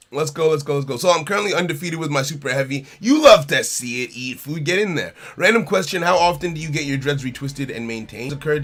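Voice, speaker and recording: A man's voice: medium pitch, a bit bright. A man streaming a card game live, chatting casually and greeting viewers by name while repeating his phrases.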